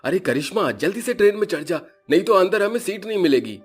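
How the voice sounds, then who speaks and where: A man's voice: high-pitched, very animated, quick pace, slightly rough, faint music behind, heavily acted. A man voicing an anxious middle-aged father in a cartoon story, speaking in a fretful way. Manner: fretful, worried.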